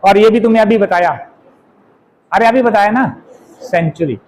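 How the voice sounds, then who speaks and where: High-voiced teasing teacher. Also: male voice, a little mellow, low-quality recording. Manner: chatty, teasing, reads definitions slowly. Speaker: English teacher. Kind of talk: exam vocabulary lesson.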